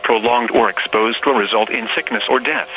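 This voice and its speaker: A man reads formal, impersonal scripted announcements as a weather radio and emergency alert announcer. His mid-range voice is gravelly, pushed and bright, at a moderate pace, heard through a noisy radio broadcast with hum.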